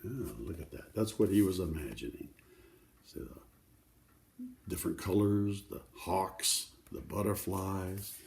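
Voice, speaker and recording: Reading a picture book to children, this older man pauses for easy conversational remarks about the images. His voice is low, a bit slow, creaky and slightly mellow, with a little hiss or hum in the background.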